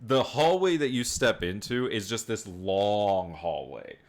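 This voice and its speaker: A man's voice: on the low side, expressive. Man game master on a choppy, cutting-out connection. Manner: halting, many filler pauses. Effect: bad online connection, voice cutting out. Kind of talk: narrating a tabletop game over voice chat. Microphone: headset or desk mic on voice chat.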